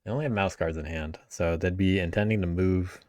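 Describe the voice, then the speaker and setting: A man with a deep voice talks fast while calling a board game match, laying out the state of play in a brisk, matter-of-fact way. The sound is dry and close. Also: a little mellow, dry recording. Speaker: game commentator. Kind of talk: live match commentary.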